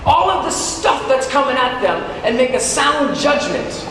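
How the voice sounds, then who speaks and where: A teacher with a high, fairly bright voice gives a motivational keynote to fellow teachers in a large conference hall, speaking a little slowly with big pitch swings and drawing out key words in a conversational but dramatic way. The recording is distant, heavily echoey, and noisy.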